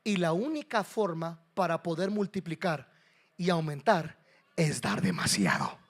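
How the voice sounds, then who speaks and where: A male pastor preaching a sermon, swinging between loud calls to the congregation and hushed, confiding asides. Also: on the high side, very animated, measured pace.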